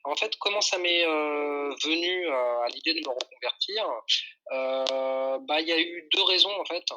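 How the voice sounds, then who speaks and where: A French man in his forties, a tour guide and photographer, answers a podcast interviewer's questions in an informal, enthusiastic, explanatory way. His voice is fairly high, bright and forceful at a moderate pace, though the audio is poor.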